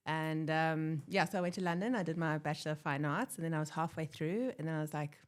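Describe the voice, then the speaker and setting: This airline pilot, a woman from Africa who was born in Germany and grew up in South Africa, talks fast in a low-pitched voice. As a guest in a relaxed interview, she chats freely, laughs a lot, and performs the quotes she recounts.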